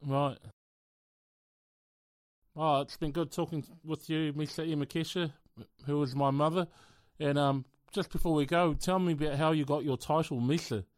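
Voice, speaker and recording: A man hosting a community radio interview, asking gentle questions with many fillers and laughing often. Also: a little high, steady tone, normal speed, dry recording.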